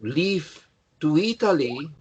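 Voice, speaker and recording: A man's voice: a little high, lively intonation, takes it slowly, breathy edge, dull audio. A man teaching an English class, going through answers and correcting students by name in a patient way. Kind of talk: online class, checking answers.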